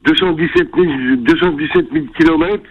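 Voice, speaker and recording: A middle-aged man with a raspy smoker's voice calling a radio phone-in to pitch classified ads, haltingly and repeating words. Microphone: telephone. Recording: narrow-band phone line.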